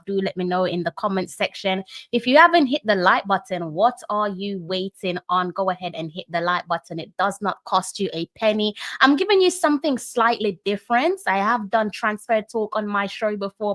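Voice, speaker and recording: A woman's voice: medium pitch, a bit bright, no echo. A woman hosting a live stream, talking casually and directly to her viewers.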